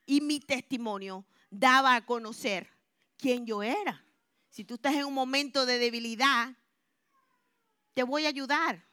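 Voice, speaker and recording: A woman giving a religious testimony to a congregation, telling her story expressively and moving between hushed and loud. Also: sits high, unhurried, pauses often, smooth, no echo, studio quality. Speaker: church member giving a testimony.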